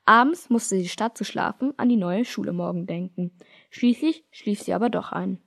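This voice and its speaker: A woman from Germany reading aloud a children's story she wrote herself, in a lively storytelling manner. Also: mid-range voice, normal speed, creaky. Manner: lively storytelling, switches into character voices. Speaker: author reading her own story.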